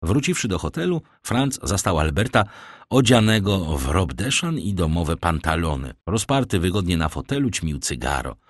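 A man narrating a classic novel as an audiobook, in an expressive storytelling manner. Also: sits low, moderate pace, dry recording, clean studio sound.

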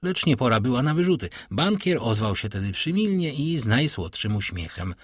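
A man narrating a classic novel in an expressive storytelling reading. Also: medium pitch, moderate pace, breathy edge, no echo, studio quality. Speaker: audiobook narrator.

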